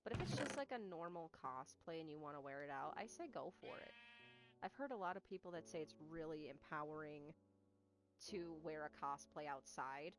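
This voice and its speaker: Her voice sits low and expressive at a moderate pace as this young streamer, who grew up speaking Spanish, casually rambles through a gaming session with a stutter, switching between viewers and the game. Game music runs behind her.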